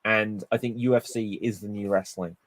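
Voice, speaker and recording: A man co-hosting a wrestling news show, talking in a casual, animated way and spinning playful theories. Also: lowish voice, moderate pace, no echo. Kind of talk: casual chat.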